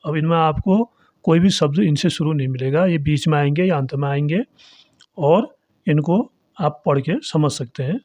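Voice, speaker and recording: A man teaching Hindi pronunciation, speaking slowly and deliberately and repeating example words one at a time. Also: fairly high pitch, a little mellow, no room sound. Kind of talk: pronunciation lesson. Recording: dull, dry, lo-fi recording.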